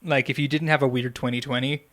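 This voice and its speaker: A man's voice: medium pitch, fairly even intonation, quick pace, fairly bright tone. A man co-hosting a podcast, telling stories in a rambling, casual way with lots of fillers. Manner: rambling, filler-heavy storytelling. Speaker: podcast co-host. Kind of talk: casual chat.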